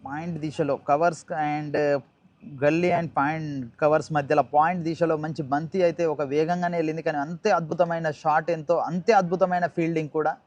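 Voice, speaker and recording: A man's voice: a little high, little pitch movement, fairly quick, muffled recording. A man with a Telangana Telugu accent giving live cricket commentary, repeating and rephrasing himself and mixing in English cricket terms.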